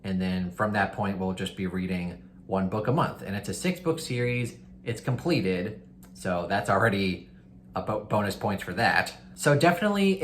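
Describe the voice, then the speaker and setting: A book reviewer hosting a readalong chats informally and enthusiastically to viewers, recommending books. His voice is on the low side with a fairly bright tone, and there's slight background noise.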